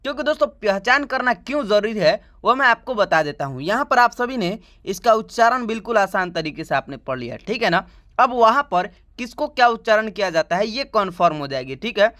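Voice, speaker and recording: Casting: male online tutor with a high-pitched voice, chatty and repetitive, reciting letters slowly. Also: very animated, pushed and bright. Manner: chatty, keeps adding "right?" checks. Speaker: online English teacher. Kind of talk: YouTube lesson, reciting the alphabet.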